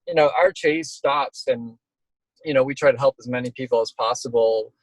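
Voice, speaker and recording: A man's voice: medium pitch, moderate pace, no echo, rough recording. A middle-aged man speaking as an interviewed storm chaser, casual and reflective, talking in rambling stop-start phrases.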